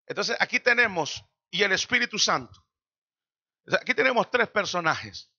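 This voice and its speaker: A man preaching a sermon in a church, slowing down dramatically for quoted lines. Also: high voice, sing-song, pushed and bright, highs cut off. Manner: dramatic preaching with slow emphatic quotations. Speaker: pastor.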